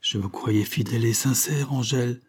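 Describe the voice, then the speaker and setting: A man's voice: medium pitch, moderate pace, breathy edge, close to an everyday voice. A man reading aloud, voicing an earnest young man pleading with the woman he loves in a storybook reading.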